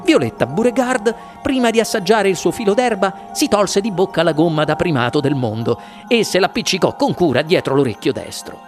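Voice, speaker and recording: Male audiobook narrator, high for a man, very animated delivery. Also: fairly quick, soft background music. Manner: lively, animated reading. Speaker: audiobook reader. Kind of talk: expressive storybook narration.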